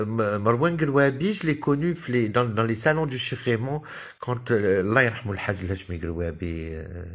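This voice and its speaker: A middle-aged man, speaking, holds forth to his followers in a long, meandering monologue. His voice sits low. He swings theatrically between hushed, emotional murmurs and sudden high exclamations. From Algeria. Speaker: social media personality. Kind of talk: rambling live monologue to followers.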